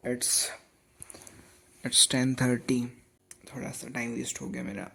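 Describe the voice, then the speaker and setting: A young man in his late teens with an Indian accent, chatting casually in a night-time study vlog. He speaks softly and slowly, sleepy and tired, and rambles a little. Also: medium pitch, completely flat delivery, vocal fry. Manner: speaks softly and slowly so as not to wake others; drifts between two languages, rambling and tired. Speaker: student vlogger.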